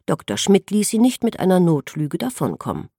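A woman reading a novel aloud as narrator, in an expressive storytelling manner. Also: on the low side, moderate pace, slightly rough, no room sound, studio quality. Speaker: audiobook narrator. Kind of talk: scripted narration.

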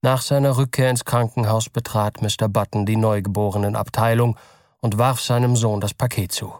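Man calmly narrating a storybook. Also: lowish voice, moderate pace, dry recording, clean studio sound. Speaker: audiobook narrator. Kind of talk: scripted narration.

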